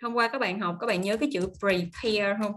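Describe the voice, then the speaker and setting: A woman teaching English pronunciation online, drawing out model words slowly and then explaining in quick, chatty asides. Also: mid-range voice, fairly bright tone, a little hiss or hum. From Vietnam.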